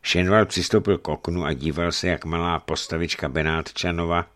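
A man narrating an audiobook in a calm, measured storytelling manner. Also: low-pitched.

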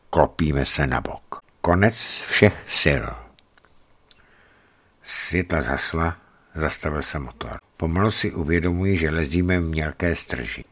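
A man reading his own travel memoir aloud in a tense, measured storytelling manner. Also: a bass voice, fairly bright tone. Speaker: narrator of his own desert journey.

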